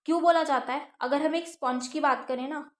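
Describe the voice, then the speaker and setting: A woman with a high, light voice teaching an exam-prep science class. She reads each textbook line slowly, then explains it plainly, asking a question and answering it herself. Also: fairly even intonation. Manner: explains step by step, asks and answers her own questions.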